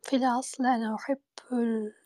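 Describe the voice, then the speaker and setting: A woman, a student speaking softly and haltingly as she searches for words. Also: on the high side, flat delivery, no room sound, low-quality recording. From Turkey. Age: 20s. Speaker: student learner. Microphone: phone in an audio chat app.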